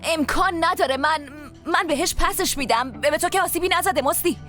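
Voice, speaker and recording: Woman dubbing a spirited young heroine, high voice. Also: over music, lightly acted. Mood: tender. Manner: quick, emotional and reassuring. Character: spirited young woman searching for her sister. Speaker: lead character. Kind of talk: dubbed TV drama.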